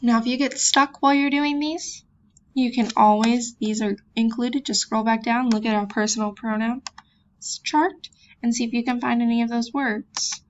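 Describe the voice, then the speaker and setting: A woman's voice: a little high, fairly even intonation, moderate pace, lo-fi sound, slight background noise. A woman teacher giving a virtual classroom lesson, patiently sounding words out and making chatty, self-deprecating asides. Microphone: computer mic.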